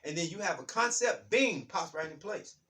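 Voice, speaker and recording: Man, higher-pitched voice, spiritual self-help talk, rambling, repetitive, self-recorded, sounds far from the mic. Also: lively intonation, normal speed, sharp tone. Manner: rambling, repeats himself, restarts phrases. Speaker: self-help channel host. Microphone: self-recorded on his own device. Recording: voice distant from the microphone.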